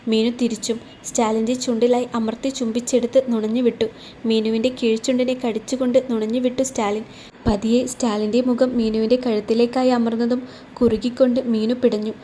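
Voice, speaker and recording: A woman's voice: on the high side, level tone, a little fast, warm tone, a little hiss or hum. A woman storyteller narrating a romance story, reading every character in her own voice.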